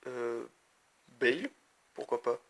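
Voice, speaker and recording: Slow and creaky, this man's mid-range voice carries loose, rambling commentary on a mobile football game. He makes mobile gaming videos and chats directly with his viewers.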